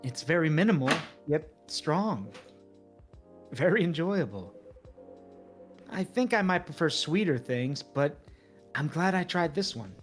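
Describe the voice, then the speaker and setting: A gentle, reflective hive creature from a coffee-shop game, voiced live by a streamer. The voice sits in a middle register and stays soft and unhurried, with faint music underneath. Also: mid-range voice, sing-song. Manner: soft, measured, thoughtful. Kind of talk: live voice acting a game's lines.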